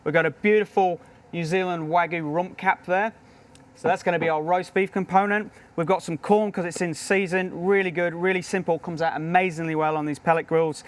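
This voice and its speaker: Working the grill, a British chef narrates his cooking demo step by step in a chatty, upbeat way. He's a professional with a fairly high voice, delivered in a steady tone at a brisk pace.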